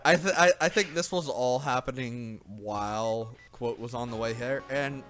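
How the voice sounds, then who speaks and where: A man's voice: mid-range voice, moderate pace, a bit bright, soft background music. A man co-commentating a game casually, laughing often and explaining what happens.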